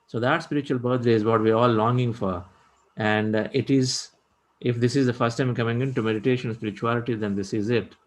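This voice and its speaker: A middle-aged man hosts an online meditation session, his voice at an ordinary pitch. He speaks reflectively and encouragingly, circling back on his phrases as he goes. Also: steady tone, brisk, low-quality recording. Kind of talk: spiritual talk and hosting.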